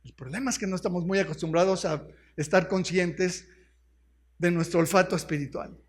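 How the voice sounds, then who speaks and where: Mexican pastor guy preaching, high voice, keeps asking the crowd stuff. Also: moderate pace. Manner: keeps asking the congregation questions; explains words step by step. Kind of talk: sermon.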